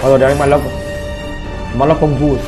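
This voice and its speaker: A man's voice: medium pitch, level tone, a little fast, music in the background. A man giving brash live commentary on a game he is playing, swearing and trash-talking his teammates. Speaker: gaming streamer.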